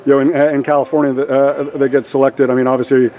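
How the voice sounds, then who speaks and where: A man's voice: mid-range voice, flat delivery, fast, mellow, lo-fi sound. Rambling, effusive sports interviewer man. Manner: rambling, many fillers and restarts, effusive. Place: gym after a game.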